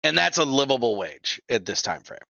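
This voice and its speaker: A man's voice: medium pitch, very animated, fairly quick, creaky, bright, forceful tone, dry recording. A man narrating a tabletop game as its game master, loose and casual, laughing often. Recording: dull, lo-fi and dry.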